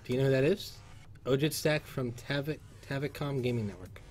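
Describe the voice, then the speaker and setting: Male livestream host, mid pitch, loose casual chat, faint music behind. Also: brisk. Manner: loose and chatty, bursts of loud excitement. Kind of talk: casual livestream chat, reading viewer comments. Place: PC workshop.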